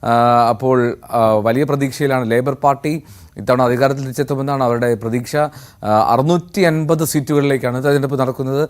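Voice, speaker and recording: A man anchoring a morning news show, calm and measured as he hands over between stories. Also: mid-range voice.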